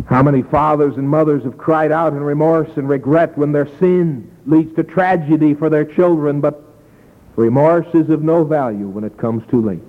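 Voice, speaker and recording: A man preaching an evangelistic sermon, telling the story dramatically and dropping from loud to hushed. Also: a little high, moderate pace. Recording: tinny lo-fi echoey hall.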